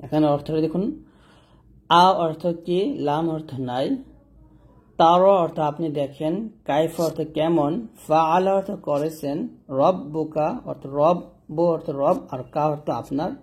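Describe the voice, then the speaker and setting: Male Quran reading tutor, higher-pitched, slow and patient, drills syllables. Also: fairly even intonation, darkish tone. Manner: patient, repeats syllables and chants the verses slowly. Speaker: Quran recitation teacher.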